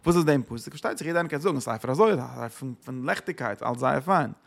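A man teaching a religious text lesson. He asks himself questions, answers them, and hits sudden loud stresses. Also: medium pitch, expressive, fast talker, gravelly. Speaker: Torah teacher.

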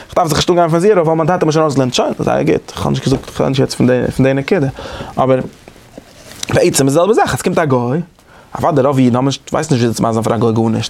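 Here a man runs a class discussion in a relaxed study-group lecture, his medium-pitched voice creaky. He speaks haltingly, repeating words and starting over often, and becomes emphatic and animated.

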